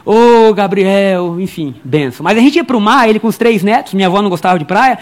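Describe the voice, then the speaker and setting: A man preaching a lively, humorous sermon in a church, chatting with his listeners and calling them brother. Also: high-pitched, racing. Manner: acts out quoted people in his stories. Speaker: pastor.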